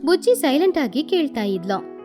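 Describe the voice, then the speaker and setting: A woman narrates a children's cartoon story. Her voice is high and lively, rising and falling as she tells it. Faint music plays behind her. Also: normal speed.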